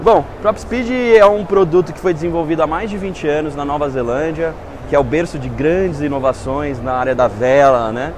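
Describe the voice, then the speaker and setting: A man representing a company, giving a lively, persuasive pitch with rhetorical questions at a boat show stand. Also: moderate pace, background noise. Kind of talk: enthusiastic sales pitch.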